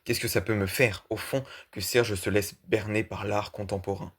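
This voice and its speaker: A man's voice: fairly low pitch, fairly even intonation, moderate pace, breathy edge. A man voicing an irritable, blunt middle-aged man in an audiobook reading of a play, talking in a brooding, argumentative way.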